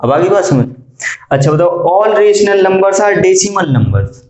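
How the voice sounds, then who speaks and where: A male math teacher lecturing a classroom, quizzing students and repeating key statements slowly. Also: high voice, lively intonation, darkish tone, lo-fi sound. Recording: echoey classroom.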